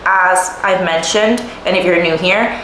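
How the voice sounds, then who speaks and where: A young woman from Puerto Rico giving a chatty life-update vlog, animated, often laughing and full of "like" fillers. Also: fairly low pitch, measured pace. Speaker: vlogger. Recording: roomy echo, faint room noise.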